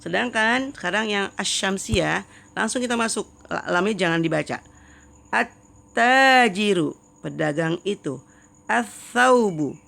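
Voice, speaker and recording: A woman's voice: vocal fry, fairly bright tone. A woman teaching an Arabic reading lesson, patiently reading each word and then its translation. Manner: patient, repeats each word slowly and drops pitch on the translation.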